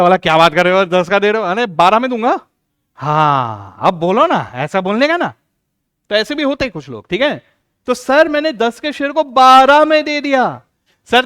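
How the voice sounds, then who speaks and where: Man, accounts lecture, high pitch, smooth clear voice, playful back-and-forth. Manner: lively, plays both teacher and student in little dialogues; slows down to stress key rules. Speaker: accounts teacher. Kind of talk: classroom lecture.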